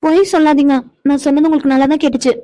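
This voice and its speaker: A woman's voice: high voice, fairly even intonation, very fast, mellow, lightly acted, low-quality recording. A woman voicing a young wife in a cartoon who comforts her sister-in-law and gets flustered by her husband's teasing. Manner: flustered, stammering when teased. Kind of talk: Tamil cartoon voice acting.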